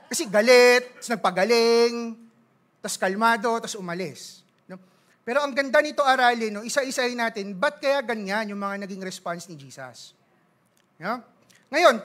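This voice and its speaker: A Filipino man preaching a sermon as pastor, mixing Tagalog with English, reading scripture slowly and joking with the congregation. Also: extremely high pitch, fairly bright tone. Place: church service.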